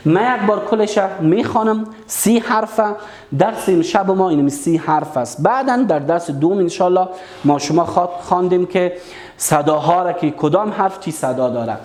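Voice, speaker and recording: A man's voice: sits high, expressive, a little mellow, echoey room. A man teaching a language lesson online. He is patient, repeats key words and asks the class questions.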